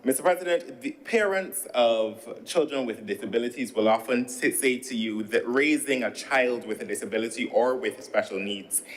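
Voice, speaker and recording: A man's voice: mid-range voice, normal speed, hardly any pauses, poor audio. A man in his thirties from Barbados with a Barbadian accent, giving a formal parliamentary speech as a senator and often addressing the chair. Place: legislative chamber.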